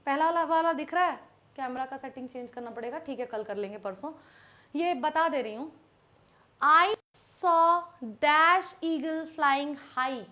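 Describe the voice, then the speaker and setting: Speaking Hindi laced with English, a woman leads a live online English grammar class in a high, bright voice with a forceful tone. Patiently, she says words again slowly to make them stick.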